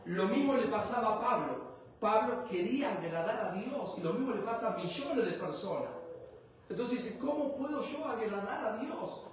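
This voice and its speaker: A man's voice: high voice, lively intonation, normal speed, slight background noise. A man preaching a rousing sermon as a pastor, quizzing the congregation for answers. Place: church hall, live service. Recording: very echoey church hall, distant mic.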